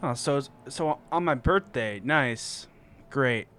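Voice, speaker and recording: A man's voice: medium pitch, slow, a bit bright, clean tone. A young man around eighteen giving casual, slangy reaction commentary with some swearing. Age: young adult, about 18. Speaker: reaction video host.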